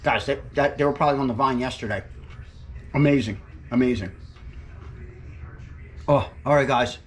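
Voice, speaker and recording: A middle-aged man from New Jersey, a fishing vlogger chatting upbeat to his viewers while he cooks. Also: mid-range voice. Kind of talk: casual cooking vlog.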